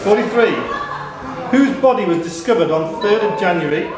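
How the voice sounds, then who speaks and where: A man acting as quiz master reads out questions at a live pub quiz, his high-sitting voice expressive at a normal speed. The crowded indoor pub room is echoey, with clear crowd chatter in the background.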